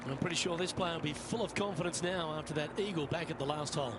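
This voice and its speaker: A man's voice: fairly high pitch, quick pace, noisy background. A man calling golf as the lead commentator in a sports video game. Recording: loud outdoor ambience behind commentary. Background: loud outdoor ambience.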